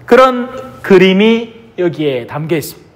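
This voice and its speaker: Lively Gyeongsang-accented man teaching catechism. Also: high-pitched, measured pace. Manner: animated, colloquial storytelling. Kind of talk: storytelling catechism class.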